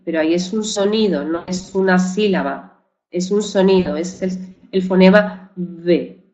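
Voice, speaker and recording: A woman teaching a spelling lesson, patient and methodical, repeating and spelling out words. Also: fairly low pitch. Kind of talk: spelling lesson for exam prep. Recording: dull lo-fi recording.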